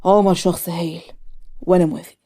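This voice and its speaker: A woman voicing a caring middle-aged father who speaks calmly and affectionately with an Egyptian accent in a cartoon story. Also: on the low side, fast talker, voice pushed down. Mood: reassuring.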